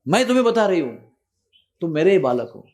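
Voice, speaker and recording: A man voicing a gentle mother comforting her crying little son, within a storytelling sermon. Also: fairly high pitch, big pitch swings, a little fast. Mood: reassuring.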